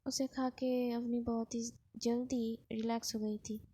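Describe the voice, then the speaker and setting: Mellow-voiced woman narrating a love story. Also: on the high side, level tone, measured pace, husky. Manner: chatty, mixes many English words.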